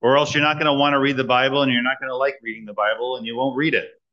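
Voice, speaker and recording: A man preaching in short phrases and pausing for an interpreter, teasing the young people about a quiz. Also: medium pitch, fairly even intonation, lo-fi sound. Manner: pauses for translation, teacherly, jokes with young people. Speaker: guest preacher. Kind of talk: sermon with live interpreter.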